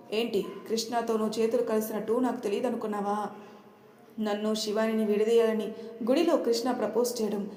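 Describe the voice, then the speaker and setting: A woman's voice: fairly high pitch, mellow, close to an everyday voice. A woman voicing an angry, protective young man who scolds sternly. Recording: roomy reverberant room.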